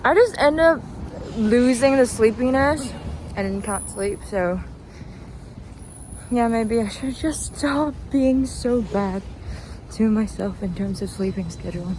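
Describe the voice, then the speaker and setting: Her voice on the high side and a little mellow, a podcast host rambles casually while walking along a street, giggling between phrases, halting often and leaning on "like". The audio is poor, though street and car noise come through clearly amid urban ambience.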